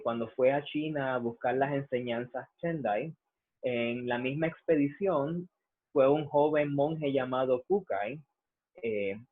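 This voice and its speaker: A man from Puerto Rico with a Puerto Rican accent, a Buddhist reverend calmly explaining his tradition with many "eh" fillers. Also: medium pitch. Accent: Puerto Rican Spanish. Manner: measured, frequent "eh" fillers. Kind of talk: explanatory interview answers. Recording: tinny phone-like line.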